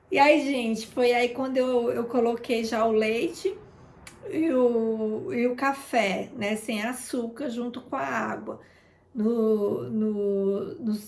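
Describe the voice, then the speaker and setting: A woman's voice: a little high, darkish tone. A woman giving a chatty prayer testimony, often turning to her listeners and acting out past conversations. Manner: chatty, keeps addressing listeners, re-enacts conversations. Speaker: intercessor sharing a testimony. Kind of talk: informal testimony in a prayer broadcast. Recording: roomy echo.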